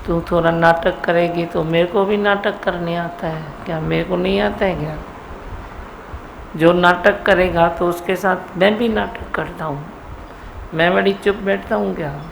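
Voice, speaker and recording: A woman's voice: on the low side, fairly even intonation, low-quality recording. A middle-aged woman guru giving a satsang talk to devotees, teasing and scolding them. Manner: scolding, teasing, slow and gravelly. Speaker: spiritual guru leading satsang. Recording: faint background noise.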